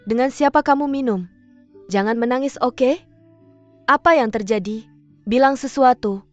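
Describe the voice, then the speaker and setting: A woman's voice: fairly high pitch, measured pace, lightly acted. A woman dubbing a worried young woman who keeps pressing her close friend with questions. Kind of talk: drama dub. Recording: dull dry studio dub, faint music.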